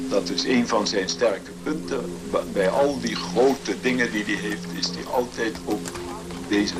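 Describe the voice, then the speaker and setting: A man recalling memories in a lecture, heard from an old worn 1957 tape recording, telling his story in a conversational, unhurried way. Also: mid-range voice, low-quality recording.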